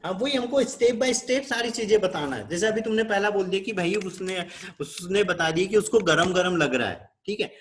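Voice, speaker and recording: Indian male nursing tutor, high voice, online class, patient, teacherly, questions the class. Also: moderate pace, hardly any pauses, fairly bright tone. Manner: teacherly, keeps checking with the class; switches between Hindi and English. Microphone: video call.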